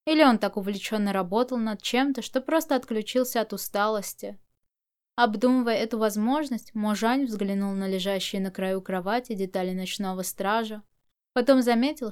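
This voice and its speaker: A woman narrating a novel as a scripted audiobook, with expressive storytelling. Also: on the high side, smooth.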